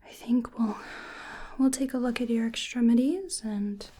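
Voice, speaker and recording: In an ASMR role-play, a woman plays a medical examiner, murmuring to herself in a breathy, whispery, soft voice. Her pitch is a little high and her pace measured, her manner gentle and hesitant.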